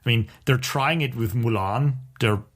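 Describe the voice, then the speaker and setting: A podcast co-host with a medium-pitched voice and moderate pace chats casually. He comes across as opinionated and wry.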